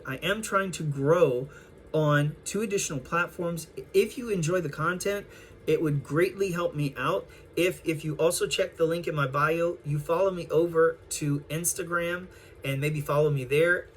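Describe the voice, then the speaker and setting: A man giving a spiritual tarot reading to an online audience, speaking in a gentle, affirming way and calling his listeners darlings and collective. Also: fairly high pitch, normal speed, a little hiss or hum. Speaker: tarot reader.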